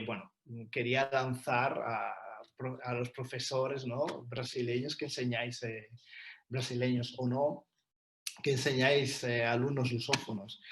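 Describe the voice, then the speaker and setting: A man explaining a textbook at a medium pitch, pausing often with fillers and restarting his phrases. He speaks over a video call with a faint hiss and occasional clicks behind him. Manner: hesitant, many fillers and restarts. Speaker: co-author presenting a textbook. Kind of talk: online book presentation talk.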